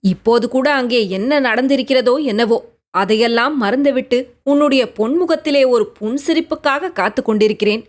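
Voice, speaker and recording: A woman's voice: a little high, moderate pace, natural voice. A woman reading a tender young prince. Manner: gentle, pleading, questioning. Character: young prince, tender, coaxing, devoted lover. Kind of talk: audiobook character reading.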